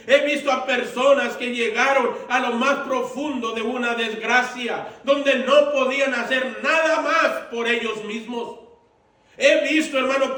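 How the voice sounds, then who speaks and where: A man preaching a sermon as pastor, slow and deliberate, repeating his phrases for emphasis. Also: very high-pitched, sharp tone. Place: church sanctuary. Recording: echoey church room, mic at a distance.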